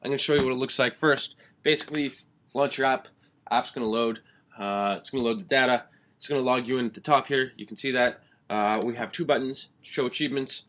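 A young man hosting a screen-recorded coding tutorial, talking quickly with constant "uh" fillers. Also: medium pitch, a bit bright. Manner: fast, filler-heavy explaining with many "uh"s. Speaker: app developer tutorial host.

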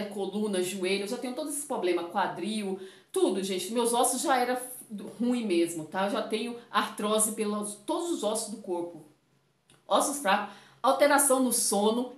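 Woman vlogger from Brazil, fairly high voice, chatty and personal, a bit sniffly, recorded in a roomy space. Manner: chatty, addresses viewers as gente. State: runny nose. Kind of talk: casual chat to camera.

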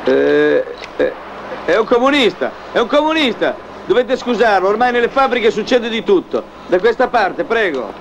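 An actor playing a flustered, pompous middle-aged factory owner who rambles and stammers in a film comedy. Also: male voice, high voice, big pitch swings, normal speed, gravelly, noisy background, full character voice. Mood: apologetic, flustered. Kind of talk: 1970s Italian film comedy acting. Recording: dull old film soundtrack with music.

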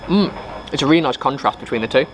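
A man's voice: medium pitch, animated, fast, background noise. A man reviewing food for a travel vlog, chewing with his mouth full and savouring each bite in a restaurant. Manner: savouring, appreciative. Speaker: travel vlogger. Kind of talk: casual food review to camera.

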